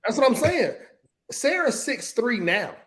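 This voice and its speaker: High-voiced man, emphatic casual chat. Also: big pitch swings, a little slow, a bit bright. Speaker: podcast co-host.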